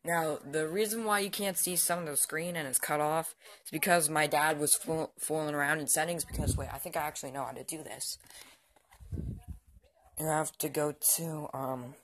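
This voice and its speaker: Here a young man, barely adult or still a teen, vlogs at home next to the TV in a fairly high, fairly bright voice that stays steady at normal speed. His show-and-tell is casual and unscripted, hesitant and rambling, with thoughts that often trail away.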